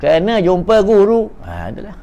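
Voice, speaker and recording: A man's voice: high-pitched, wildly swooping pitch, normal speed, muffled recording. A man with a Malaysian Malay accent giving a casual, joking sermon as a religious teacher, asking his congregation questions and answering them himself. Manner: swings between loud emphasis and quiet asides.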